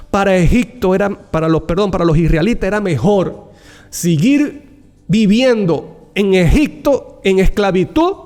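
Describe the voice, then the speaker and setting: Higher-voiced male preacher in a reverberant hall. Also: a little mellow. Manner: earnest, addresses listener as dear brother. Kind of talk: Bible reflection sermon. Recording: long hall reverb with faint music behind.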